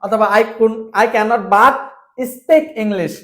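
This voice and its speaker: A man's voice: high-pitched, extremely slow, a bit bright. A man with a Bangladeshi Bengali accent teaching English grammar, spelling words letter by letter and often checking that his students follow. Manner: calls students brother, asks if they follow. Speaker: English tutor. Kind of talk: online grammar lesson.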